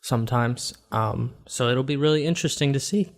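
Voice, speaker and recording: Rambling teenage podcast co-host from Florida. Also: male voice, mid-range voice, fairly quick. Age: late teens. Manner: rambling, laughs between thoughts, swears casually. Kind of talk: casual chat.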